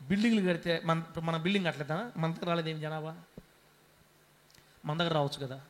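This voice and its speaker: A man pastor preaching a sermon with passion, swinging between hushed and loud passages and calling on the congregation to answer aloud. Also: on the high side, brisk. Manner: calls on the congregation to respond aloud.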